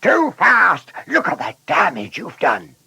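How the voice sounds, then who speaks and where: A man voicing an angry middle-aged shepherd in a storybook, shouting and indignant. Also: sits high, huge pitch swings, unhurried, creaky, husky, no room sound, voice pushed up, full character voice.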